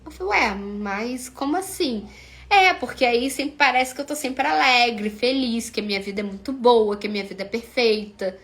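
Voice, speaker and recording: A woman's voice: a little high, brisk, few pauses. A woman psychologist in her thirties, chatting to camera with lots of fillers and acted-out dialogue. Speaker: psychologist and channel host. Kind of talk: casual talk to camera.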